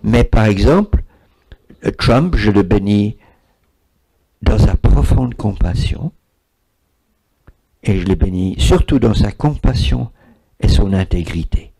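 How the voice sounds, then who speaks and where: A man's voice: on the low side, expressive, slow pace, vocal fry, long pauses, mellow, husky. A man, giving a spiritual talk and taking questions from an audience, repeating words for emphasis. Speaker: spiritual speaker.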